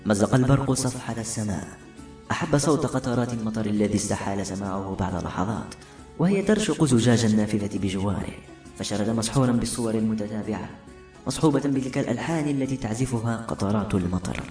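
A man narrating a novel as an audiobook reader, in a smooth, measured storytelling manner. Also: lowish voice, a little mellow. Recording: echoey room, faint music. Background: faint music.

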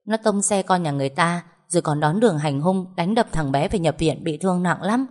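A woman voicing a calm, blunt younger sister who speaks plainly and reproaches her family. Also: on the low side, brisk. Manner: calm then sharply reproachful.

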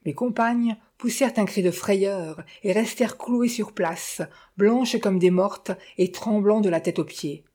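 A woman reading a detective novel aloud in a measured, steady storytelling manner. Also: mid-range voice. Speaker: audiobook reader. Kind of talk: scripted novel narration.

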